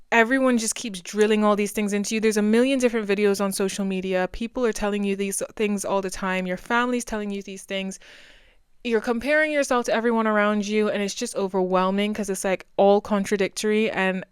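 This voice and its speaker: A woman's voice: medium pitch, steady tone, normal speed, smooth, dry recording, studio quality. A woman in her twenties hosting a solo podcast, talking in a chatty, rambling, self-deprecating way. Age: 20s. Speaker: podcast host.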